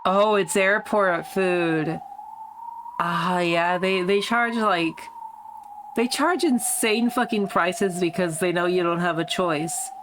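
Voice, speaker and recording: A woman streamer chatting casually with her viewers during a live game stream, swearing freely and thinking out loud. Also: lowish voice, slow, noisy background.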